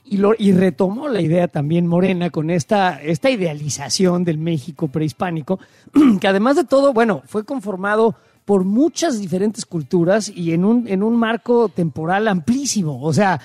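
A man's voice: sits high, lively intonation, normal speed, a little mellow, no room sound. A man with a Mexican Spanish accent, co-hosting a radio talk show in a casual, joking way, full of slang. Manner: informal, joking, uses slang.

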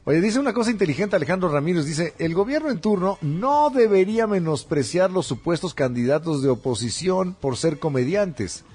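Husky, lively Mexican co-host. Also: male voice, a little high, normal speed, few pauses, soft background music. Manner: teasing, laughs often, slangy. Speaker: comedy show co-host. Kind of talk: casual comedy chat.

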